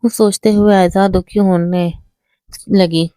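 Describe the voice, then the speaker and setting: A woman narrating a romantic novel as a bedtime story, reading in a steady, even manner. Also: mid-range voice, no echo.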